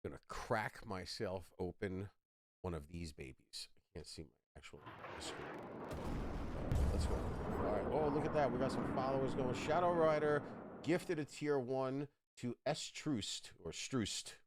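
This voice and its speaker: A man co-hosting a live stream, greeting viewers by name and giving shout-outs in an upbeat, casual way. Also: medium pitch, expressive, unhurried. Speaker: stream co-host.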